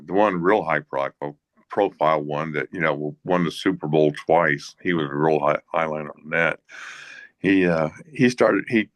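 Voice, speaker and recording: A man being interviewed as a hunting guide, telling a casual story in a rambling, halting way with many restarts and chuckles. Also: low-pitched, fairly bright tone, no echo. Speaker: guest, hunting guide and bush pilot.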